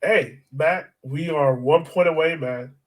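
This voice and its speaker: A man with a slightly high voice speaks slowly while co-hosting a sports podcast, using casual, slangy language and frequently turning to his co-host.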